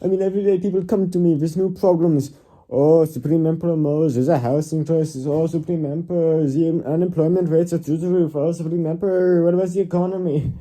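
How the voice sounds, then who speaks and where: A self-pitying tyrant, played by a man whines fast about his burdens. The voice is fairly high but very dark and mellow. It is an amateur comedy film. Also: steady tone, natural voice. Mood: whining. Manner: fast, whining and dramatic. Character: whiny self-pitying male dictator.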